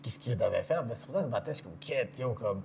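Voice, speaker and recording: A man's voice: medium pitch, lively intonation, quick pace, gravelly, a little mellow, slight background noise. A man with a Quebec French accent who hosts a talk show, asking questions in casual chat and mixing English slang into his speech. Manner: conversational, mixes in English slang.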